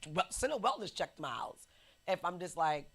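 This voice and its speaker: A woman hosting a podcast, chatting casually and telling lively stories that she acts out, sometimes dropping to a whisper. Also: on the low side, normal speed. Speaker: podcast host. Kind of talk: casual chat and storytelling.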